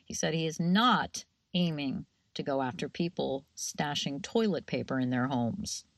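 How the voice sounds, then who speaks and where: A woman anchoring a radio news bulletin, reading in a steady, measured way and questioning correspondents. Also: low-pitched, no echo. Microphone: studio mic.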